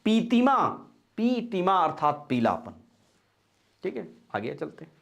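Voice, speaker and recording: A man teaching spelling for exams, repeating each word slowly and stressing key syllables, with frequent reminders to pay attention. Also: sits high, creaky. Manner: animated, coaching tone with frequent reminders. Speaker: Hindi grammar teacher. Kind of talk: exam-prep spelling lesson.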